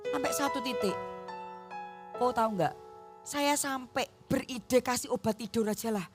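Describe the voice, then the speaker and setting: Pendeta wanita bersuara agak tinggi dan ekspresif. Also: female voice, fairly high pitch, a little slow, soft background music. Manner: expressive, storytelling, addresses the congregation. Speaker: pastor. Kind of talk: sermon. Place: church.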